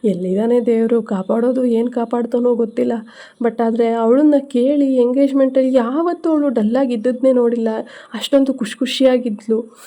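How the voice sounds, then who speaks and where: A woman's voice: a little high, steady tone, normal speed, dark tone, natural voice. Woman voicing a lamenting, grieving mother. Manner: lamenting, scolding. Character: grieving middle-aged mother, bitter and despairing.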